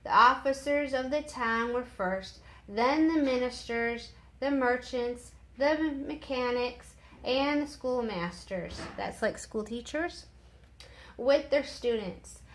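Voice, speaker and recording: The audio is poor as a fairly high-voiced woman takes her time reading a children's story aloud. She teaches as she goes, adding casual explanatory asides throughout.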